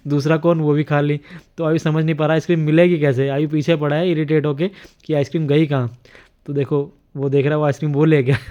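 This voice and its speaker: Narrating his family's home video, a vlogger speaks in a slightly high, somewhat mellow voice. His voice-over is casual, and he chuckles frequently while commenting.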